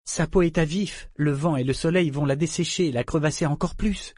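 A man's voice: a little high, fairly quick, darkish tone, no echo, studio quality, pitched above the performer's own voice, lightly acted. A man reading a novel aloud voices an anxious young woman who speaks hesitantly and apologetically. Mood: fearful. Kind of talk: audiobook character voice.

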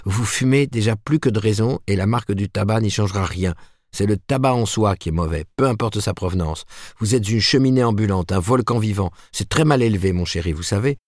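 A man reading aloud, voicing a gentle young woman who speaks in a soft, coaxing, earnest way. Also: low voice, a little slow, no echo, clean studio sound. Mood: reproachful.

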